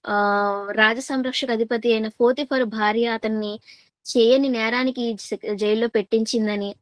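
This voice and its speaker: Woman preacher, sermon, higher voice, dry close sound, questions the congregation, repeats lines for stress. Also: dry recording.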